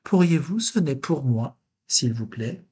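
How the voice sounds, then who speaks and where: A man voicing a tiny, timid and polite little man in a storybook, raising his voice to sound small and high. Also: animated, unhurried, warm tone, husky.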